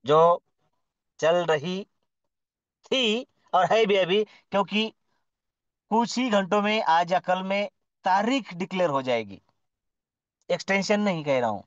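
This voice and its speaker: A man's voice: high-pitched, animated, slow pace, long pauses, no echo. A man giving a motivational address at a business community meeting, formal and effusive, lavishing praise on leaders and tossing in rhetorical questions. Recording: dull lo-fi dry audio.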